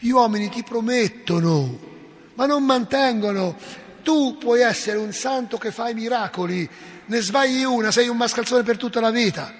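A man's voice: extremely high pitch, moderate pace. A man, a parish priest giving an impassioned, scolding sermon with folksy asides. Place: church. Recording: long church reverb.

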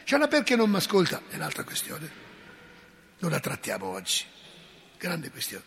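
A man's voice: a little high, huge pitch swings, normal speed, gravelly, a bit bright, slight background noise. A man, a parish priest giving an impassioned, scolding sermon with folksy asides. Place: church. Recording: long church reverb.

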